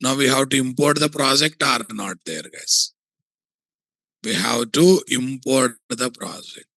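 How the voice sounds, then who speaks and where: A man with a Telugu Indian English accent giving a software tutorial, thinking aloud and often asking questions that he answers himself. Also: medium pitch, unhurried, vocal fry, dry recording. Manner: asks and answers his own checking questions.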